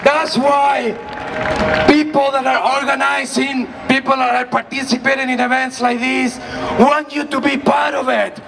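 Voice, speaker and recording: A man from Chile giving a shouted protest speech at an outdoor rally, his voice worn out from yelling. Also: very high-pitched, little pitch movement, measured pace, gravelly, loud music behind the voice. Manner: impassioned, rallying. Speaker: rally speaker. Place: outdoor city rally in front of a large building. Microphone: far camera in the crowd. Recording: distant voice over a noisy crowd. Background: cheering crowd.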